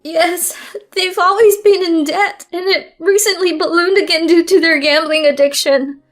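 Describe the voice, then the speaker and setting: A woman voicing a desperate young mistress who pleads and confesses in a tearful, high voice. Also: expressive, slow, fairly bright tone, faint music behind, exaggerated voice. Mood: confessing.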